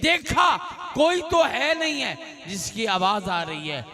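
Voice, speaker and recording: A man delivers a fiery sermon in a high voice, slow and deliberate, stacking line after line of repeated refrains. His voice climbs into fervent bursts. Behind him a crowd murmurs across the gathering. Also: very animated, creaky. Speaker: preacher. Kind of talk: impassioned religious sermon. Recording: crowd noise at a public gathering.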